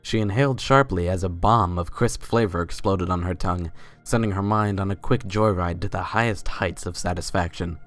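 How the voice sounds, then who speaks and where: Over background music, a man narrates a scripted story in dramatic-reading style. His voice is low-pitched and he speaks at a normal speed.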